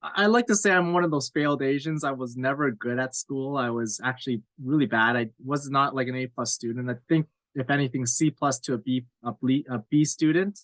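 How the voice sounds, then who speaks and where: A man's voice: mid-range voice, brisk, few pauses, a bit bright, dry recording, low-quality recording. A man in his thirties from Cape Breton Island, telling his story as a podcast guest in a candid, rambling, self-deprecating way with plenty of fillers. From Cape Breton Island, Nova Scotia, Canada. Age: 30s. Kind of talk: casual interview chat.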